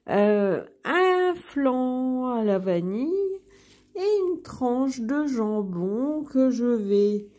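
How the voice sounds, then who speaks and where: Woman vlogging from her hospital room, kinda high voice, talks real slow, chatty and jokey about herself. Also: dark tone. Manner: chatty, unhurried, self-deprecating. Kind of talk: casual video diary.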